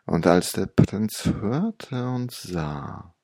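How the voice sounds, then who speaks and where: A man guiding a meditation story in a hypnotic, soothing, old-sage manner with long pauses and a gravelly, breathy voice. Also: deep voice, animated, warm tone, dry recording, studio quality.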